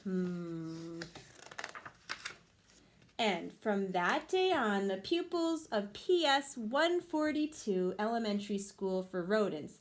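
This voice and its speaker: Teacher lady reading a picture book to kids, high voice that swoops a lot, takes her time. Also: unhurried, few pauses, a little hiss or hum. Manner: expressive, lively storytelling.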